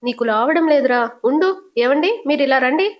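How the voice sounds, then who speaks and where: A woman's voice: high voice, moderate pace, natural voice. Woman playing a scolding bossy mother-in-law. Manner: scolding, sharp. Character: domineering middle-aged mother-in-law, quick-tempered.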